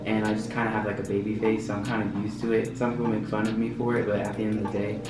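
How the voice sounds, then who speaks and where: A man's voice: on the low side, level tone, quick pace. A man in his twenties answering viewer questions in a casual, open, chatty vlog. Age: 20s. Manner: chatty and open, loose filler-heavy talk. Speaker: vlogger. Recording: roomy echo from a distance, with music.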